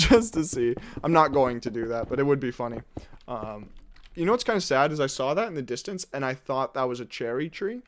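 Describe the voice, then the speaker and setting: A young man streaming a game, chatting casually, reading chat aloud and laughing often. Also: medium pitch. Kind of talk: casual live-stream chat while gaming.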